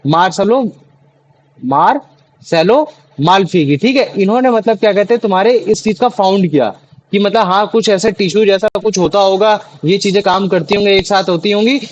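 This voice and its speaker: High-voiced young male tutor. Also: brisk, low-quality recording. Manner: explains with many fillers and restarts. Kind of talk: online class teaching in Hindi.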